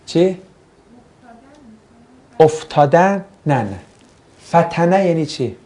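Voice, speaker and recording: Here a religious studies teacher sounds mellow and animated, his voice sitting on the high side. He teaches with a jokey manner, asking the class questions and bantering with them.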